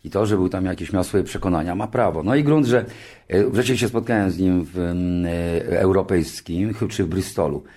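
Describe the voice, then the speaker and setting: A man in his sixties, a television show creator, telling an anecdote in a lively way. He often restarts his sentences and jumps into higher voices when he quotes other people. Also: moderate pace. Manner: frequent restarts and filler words. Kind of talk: anecdotal storytelling.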